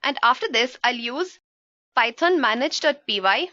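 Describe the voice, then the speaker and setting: A woman's voice: a little high, expressive, moderate pace, pushed and bright, dry recording, highs cut off. A woman instructor giving a live coding tutorial, explaining each step and often calling her listeners guys, heard through livestream headset audio. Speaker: programming instructor.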